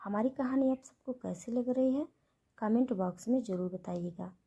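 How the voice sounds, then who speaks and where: Soft-toned woman narrating a story. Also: on the high side, normal speed, slightly rough, highs cut off. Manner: reads every character in the same plain voice.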